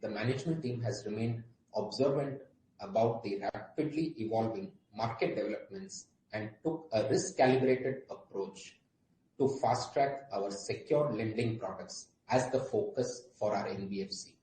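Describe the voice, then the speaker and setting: On an earnings call, a man with an Indian accent, a company executive, reads a prepared presentation in a formal manner. His voice is lowish and dark, at normal speed. There's an echoey room sound with faint noise behind it.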